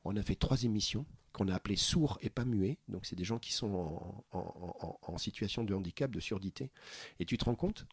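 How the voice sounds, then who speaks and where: A man, a podcast host, talking earnestly about his interviews in a warm, heartfelt way, often restarting his sentences. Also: fairly low pitch, brisk, husky, no room sound. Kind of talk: conversational interview storytelling. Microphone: studio microphone.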